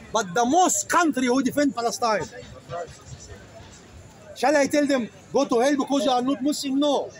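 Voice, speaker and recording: A man preaching fiercely to an open-air crowd in halting non-native English, calling his listeners "brother" and searching aloud for words. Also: extremely high pitch, poor audio. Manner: fiery, emphatic, calls listeners "brother". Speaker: street speaker debating a crowd. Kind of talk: open-air soapbox debate. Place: outdoor public speaking area in a city. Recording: outdoor crowd noise. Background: crowd of listeners around him.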